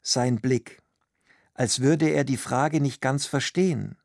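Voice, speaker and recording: A man calmly narrating a story in measured, scripted narration for language learners. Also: mid-range voice, gravelly, no echo, clean studio sound. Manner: calm, measured.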